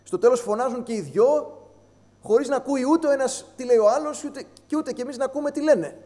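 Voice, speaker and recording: A man preaching a sermon, switching between hushed low phrases and raised emphatic ones. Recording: long hall reverb with mains hum.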